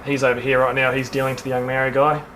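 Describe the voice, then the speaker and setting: A man's voice: mid-range voice, monotone, racing, a bit bright, low-quality recording. A man with a broad New Zealand accent giving a colloquial, matter-of-fact account as a witness. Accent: broad Kiwi (New Zealand). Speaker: service station worker, witness. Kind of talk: casual spoken account. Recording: clear room hum and background noise.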